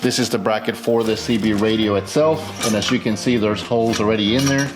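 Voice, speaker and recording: A man with a fairly low voice talks briskly and with fairly even intonation while hosting a car-mod how-to video. Working through an installation, he narrates casually and thinks out loud.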